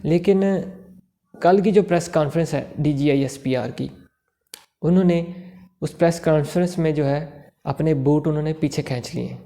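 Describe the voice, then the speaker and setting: A man hosting his own channel, giving political commentary in a measured, steady delivery. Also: fairly high pitch. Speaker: YouTube channel host.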